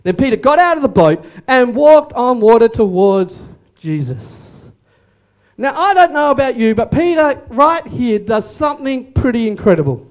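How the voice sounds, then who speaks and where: Male pastor, unusually high pitch, lively sermon full of jokes and call-and-response. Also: normal speed. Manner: animated, joking, repeats words, calls on audience. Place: church service room.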